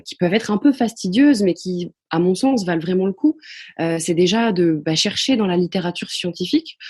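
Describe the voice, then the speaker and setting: A woman's voice: fairly low pitch, darkish tone, husky. A woman guest on a podcast explaining social psychology, talking hesitantly with many fillers and restarts. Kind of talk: podcast interview answers.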